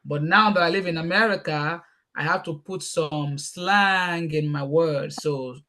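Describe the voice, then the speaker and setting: Speaking as a panel guest, this Yoruba-first-language man from Nigeria fields questions in a Nigerian accent. His slightly high voice moves quickly and forcefully, and excitement makes him repeat words.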